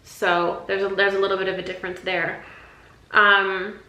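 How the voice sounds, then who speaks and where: A woman's voice: mid-range voice, level tone, moderate pace, sharp tone, reverberant, poor audio. A woman giving a casual, rambling spiritual teaching talk, speaking conversationally, with frequent repeats and restarts. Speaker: intuition teacher.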